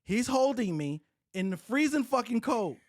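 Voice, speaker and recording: A woman's voice: a little high, normal speed, dry recording, clean studio sound. A woman hosting a podcast, telling a wild story in casual chat, swearing freely and laughing partway through. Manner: profane, animated storyteller who laughs mid-story. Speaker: podcast host.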